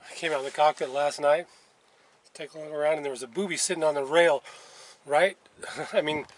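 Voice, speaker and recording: A man's voice: on the high side, fairly even intonation, a little fast, low-quality recording. A man in his fifties, filming himself alone on a sailboat, talking to himself in a rambling way with restarts and muttered curses. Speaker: solo sailor vlogger. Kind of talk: casual self-filmed vlog. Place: small sailboat at sea, cabin and open deck. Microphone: handheld camera at arm's length.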